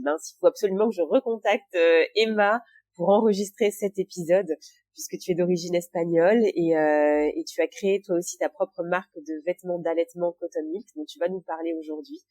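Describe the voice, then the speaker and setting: A woman hosts a podcast interview in a dry, close recording. She has a fairly low voice and speaks warmly, encouraging her guest with simple follow-up questions. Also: steady tone, moderate pace, no echo. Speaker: podcast host.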